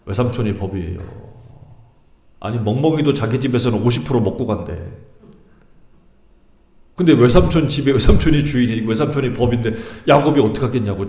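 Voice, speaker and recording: A middle-aged man preaching a sermon as pastor, animated and putting questions to the congregation. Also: mid-range voice, reverberant. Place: church sanctuary.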